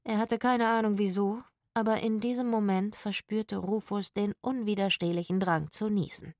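A woman narrating a children's storybook in scripted, expressive style. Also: mid-range voice, normal speed, no room sound, studio quality. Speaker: audiobook narrator.

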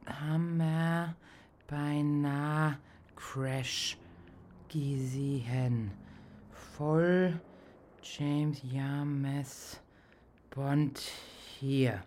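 A woman voicing a chatty woman leaving a casual voice message in a radio play. She rambles and hesitates in a very deep, dark voice. She talks very slowly.

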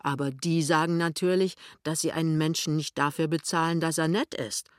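A man's voice: a little high, level tone, a little fast, clean tone, no echo, clean studio sound, close to an everyday voice. A man voicing an anxious, hesitant young salesman husband in an audiobook reading. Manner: hesitant, grumbling.

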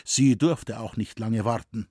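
A man narrating a novel in steady storytelling, voicing the dialogue. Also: lowish voice, measured pace, slightly rough, dry recording, studio quality. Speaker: audiobook narrator.

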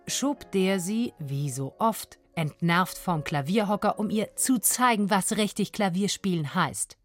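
A woman narrating a story in an expressive, lively storytelling voice. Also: lowish voice.

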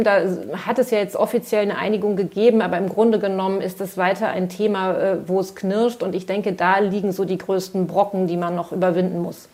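Mid-pitched woman correspondent in interview. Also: a little mellow. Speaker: news correspondent. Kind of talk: spontaneous analytical interview answers.

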